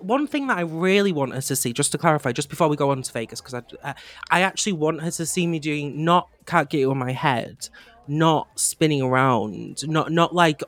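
A man's voice: a little high, fairly bright tone. Earnest, gushing man on a podcast. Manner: earnest and gushing, restarting phrases. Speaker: podcast co-host. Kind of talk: casual fan chat.

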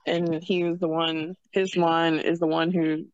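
A woman's voice: low voice, a little slow, no echo. Woman, chatty Bible study participant, dry close sound, a bit muffled. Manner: chatty, laughs often, animated retelling. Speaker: study group member. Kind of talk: casual Bible study discussion.

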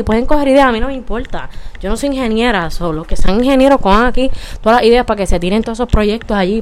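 A young woman with a Puerto Rican accent delivers a heated, profane monologue. She speaks in a slightly high voice and drops English words into her talk. Her manner is blunt and fired-up. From Puerto Rico. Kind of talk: casual ranting monologue.

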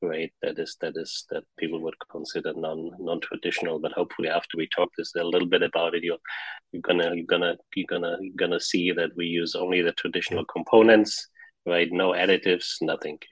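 A man's voice: low voice, little pitch movement, a little fast, husky, no room sound, low-quality recording. A middle-aged man who grew up in Germany, not a native English speaker, chatting casually as an interview guest, often repeating words as he rambles along. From born in Czech Republic, grew up in Germany. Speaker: guest, spirits brand founder.

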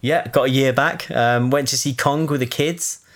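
A man in his thirties co-hosting a podcast, jokey and rambling with quick bursts of speech. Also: medium pitch. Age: 30s. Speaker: podcast co-host. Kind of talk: casual podcast chat.

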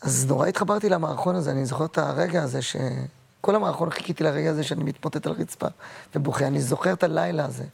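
A man in his sixties, gravelly and husky. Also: a little high. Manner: emotional, halting, repeats himself. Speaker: guest, actor and comedian. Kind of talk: personal interview storytelling.

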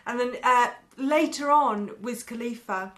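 High-voiced woman hosting a chat. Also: measured pace, fairly bright tone. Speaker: podcast host. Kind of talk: casual informative chat.

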